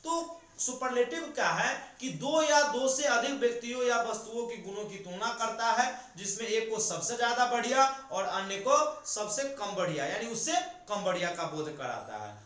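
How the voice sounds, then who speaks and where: Man, very high voice, grammar teacher, asks and answers himself, heavy room echo. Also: fairly bright tone. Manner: explains step by step with questions he answers himself. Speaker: English teacher. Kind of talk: classroom grammar lesson. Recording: very echoey room.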